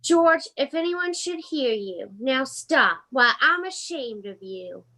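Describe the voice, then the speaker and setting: A woman's voice: high-pitched, very animated, slow, bright, forceful tone, heavily acted. A young woman voicing a flustered mother who scolds her son in a school play reading. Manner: fussing, scolding.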